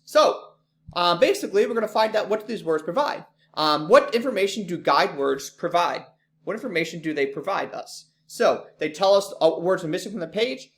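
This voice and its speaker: A man's voice: a little high, a bit bright. Casual man teaching an online class. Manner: casual, many ums, apologetic slips.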